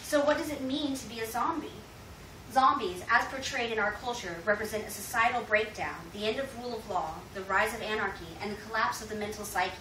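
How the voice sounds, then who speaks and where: Her voice sits fairly high and holds a steady tone as she moves at a fairly quick clip through a prepared, informative talk. The American speaker uses a formal, rhetorical style before an indoor audience, recorded from afar in a reverberant, noisy room.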